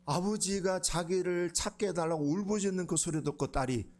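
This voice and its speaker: A male pastor, preaching a sermon in a lively, conversational way and often asking the congregation questions. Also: sits high, moderate pace.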